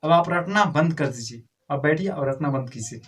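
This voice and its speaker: A man's voice: a little high, animated, normal speed, fairly bright tone, a little hiss or hum. A man teaching a grammar lesson to a class, drilling and correcting pupils in a scolding, repetitive way.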